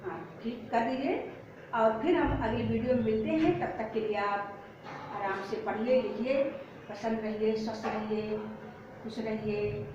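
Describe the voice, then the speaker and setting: A woman teaching an exam-prep lesson, explaining step by step and repeating words slowly to correct spelling. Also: a little high, a crowd in the background. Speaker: Hindi teacher. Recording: echoey far-off lo-fi room sound with faint hiss.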